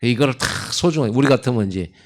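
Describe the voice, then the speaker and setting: A man preaching a Sunday sermon, retelling Bible stories in a conversational, storytelling way. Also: quick pace. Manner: storytelling sermon with lively pitch swings; acts out God's and Jonah's lines in quotes. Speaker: pastor.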